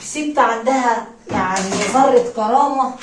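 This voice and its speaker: An Egyptian woman with a slightly high voice rattles off a story in a chatty, fast way. She is some distance from the mic in an echoey room. Running water and clattering dishes sound clearly behind her. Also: noisy background. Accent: Egyptian Arabic. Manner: chatty, addresses viewers as sweeties, swears oaths. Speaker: storyteller and vlogger. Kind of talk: casual storytelling while doing housework.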